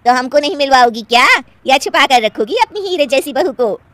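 Chatty middle-aged party guests, voiced by a woman, gushing with praise. The voice is high and lively, with a dry sound. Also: brisk, no echo.

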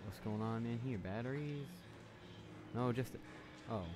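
A man giving casual gameplay commentary, swearing a lot, talking to the game's characters and yelling when startled. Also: mid-range voice, a little slow. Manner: jumpy, yells when startled. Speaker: let's play host.

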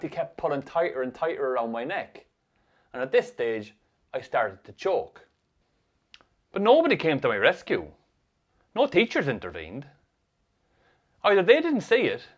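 A man's voice: fairly high pitch, lo-fi sound. An Irish man giving a wry, profane voice-over narration for a short film.

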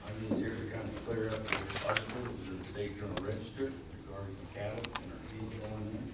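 A plain-spoken American man in his fifties with a rural Midwestern accent and folksy grammar, giving public comment. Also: fairly low pitch. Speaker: local cattle farmer speaking in public comment. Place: lectern in village meeting room. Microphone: far camera from audience. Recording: distant mic, very echoey noisy meeting room.

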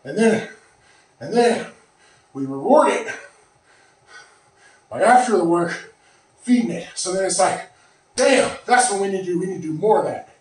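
Brief: man, 30s, winded fitness vlogger, fairly high voice, rambling chat heard from across an echoing room. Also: expressive, moderate pace, long pauses. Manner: rambling, breathless after lifting, clears throat often. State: out of breath. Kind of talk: casual talk to camera. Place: small home gym room. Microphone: far camera. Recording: very echoey room, from far off.

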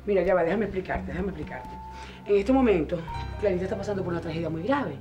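In a telenovela scene, an actress with a Venezuelan accent plays Clara's mother, anxiously pleading for caution about gossip while hesitating and stalling with repeated words. Her fairly low, expressive voice moves quickly over music and sounds close to everyday speech.

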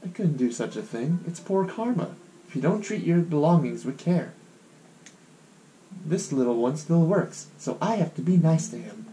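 A man voicing a kindly old grandmother who runs a shop in a game, speaking slowly and softly. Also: fairly high pitch, animated, slight background noise, lightly acted. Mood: gentle. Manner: slow, soft old-lady delivery. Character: kindly old grandma shopkeeper, gentle and homely. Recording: guitar music playing behind.

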